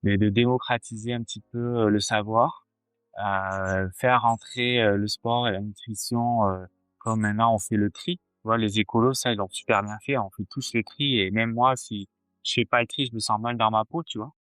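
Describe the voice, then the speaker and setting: A man in his forties talks as a cardiologist guest in a relaxed interview. His voice sits somewhat low, and he hesitates often, filling gaps and restarting his sentences. The sound is close and dry, with faint music in the background. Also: normal speed, smooth, no echo. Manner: hesitant, many fillers and restarts. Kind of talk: casual interview chat.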